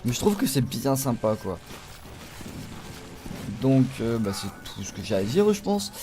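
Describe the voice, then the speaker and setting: A man hosting a let's play video, giving casual gaming commentary, swearing freely and reacting loudly to the game. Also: mid-range voice, sing-song, measured pace, background noise.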